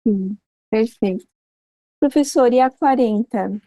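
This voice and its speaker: Woman student, mellow voice. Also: a little high, slow, no echo. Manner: brief replies and acknowledgements. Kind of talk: asking questions in a tutoring session.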